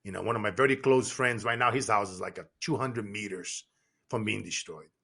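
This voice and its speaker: A middle-aged Brazilian business coach guests on a casual podcast, his fairly low voice bright and a little husky with a forceful, tense edge. He speaks fairly quickly and animatedly, emphatic, repeatedly restarting his sentences.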